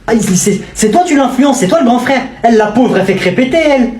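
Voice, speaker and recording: A man voicing a reproachful mother who scolds her kids with rapid questions. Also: extremely high pitch, animated, darkish tone, roomy sound, a little hiss or hum, voice pushed up. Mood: scolding.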